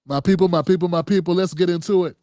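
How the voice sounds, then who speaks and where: A man's voice: sits high, fast, dark tone, no room sound, studio quality. A man hosting his own commentary show, talking loosely and profanely, rambling and calling his viewers "fam". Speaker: host. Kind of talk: casual political commentary monologue.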